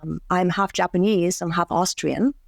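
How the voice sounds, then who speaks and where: A woman's voice: lowish voice, steady tone, moderate pace, vocal fry, no echo. A woman from Germany, a career and life coach, talking reflectively as a podcast guest, with many restarts and fillers.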